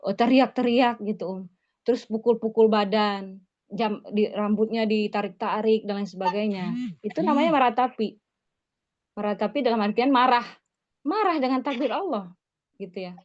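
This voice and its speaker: A woman's voice: on the high side, darkish tone. Female religious teacher on a slightly muffled call. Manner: conversational, tags phrases with 'gitu ya'. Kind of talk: online religious study lesson. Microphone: video call.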